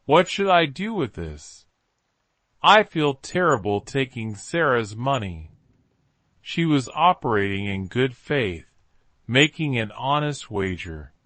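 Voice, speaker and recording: A man's voice: medium pitch, very animated, slow, a bit bright, dry recording. A man voicing a thoughtful, self-assured detective in story dialogue, in a reflective fireside storytelling manner. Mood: troubled. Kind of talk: story dialogue read by narrator.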